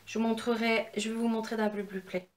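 A young woman hosts a casual makeup tutorial, explaining each step as she goes. Her voice sits slightly high, and she talks in a chatty, instructive way with self-deprecating asides. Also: flat delivery, fairly quick. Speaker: beauty vlogger.

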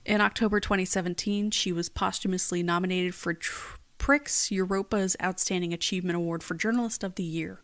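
A woman's voice: lowish voice, fairly even intonation, a little fast, few pauses. A woman co-hosting a casual podcast, reading out case facts in a plain recap with dry, blunt asides. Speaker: podcast co-host.

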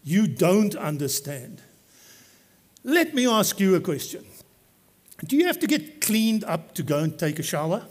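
A man's voice: sits high, sing-song, normal speed. A man preaching a sermon as pastor, talking to the congregation in a conversational, joking way. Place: church.

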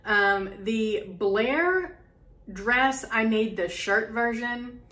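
The sewing vlogger, a middle-aged woman, speaks extremely slowly in a fairly high, pushed and bright voice. Chatting casually to the camera in front of her, framed medium close, she rambles and restarts with plenty of ums.

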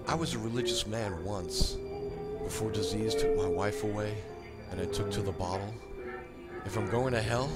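An actor playing a troubled, remorseful ghost of a drunkard preacher in a video game, speaking hesitantly. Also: male voice, lowish voice, close to an everyday voice. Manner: hesitant, halting, anguished. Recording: loud game music behind voice.

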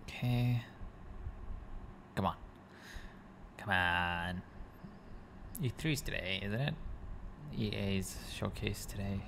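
A man's voice: on the low side, slow pace, gravelly, long pauses, a bit bright, a little hiss or hum. A man giving rambling gameplay commentary, thinking aloud and correcting himself as he goes. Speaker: gaming commentator.

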